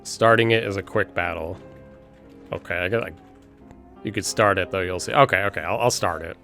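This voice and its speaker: A man with a fairly low voice chats casually while streaming a game. He rambles informally and chuckles often, with music playing in the background. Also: brisk, vocal fry, pushed and bright. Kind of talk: casual live stream commentary.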